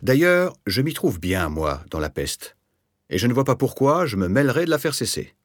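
A man's voice: lively intonation, normal speed, husky, no echo, clean studio sound. A man voicing an anxious, touchy middle-aged rentier in an audiobook, speaking in a raised, agitated voice. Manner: agitated, defensive, raised pitch. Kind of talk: audiobook character voice.

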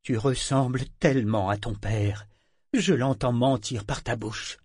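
Un homme jouant une mère âgée bouleversée et tremblante. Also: male voice, medium pitch, a little slow, darkish tone, breathy edge, no room sound, clean studio sound. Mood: amer. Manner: trembling, emotional. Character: older mother, distraught, tearful, bitter.

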